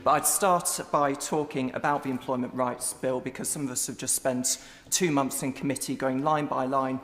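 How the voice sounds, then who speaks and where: A man's voice: medium pitch, steady tone, normal speed, a bit bright. A man, a member of parliament, delivers a formal debate speech. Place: large indoor parliamentary chamber. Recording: echoing chamber with background noise.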